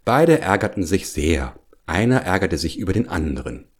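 A man narrating a children's storybook in an unhurried, expressive way. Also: sits low.

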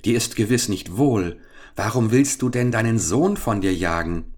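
A man's voice: on the low side, lively intonation, moderate pace, a little mellow, pitched above the performer's own voice. A man doing a pleading young dwarf boy. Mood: worried pleading. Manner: pleading, bewildered. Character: anxious young dwarf boy with long nose.

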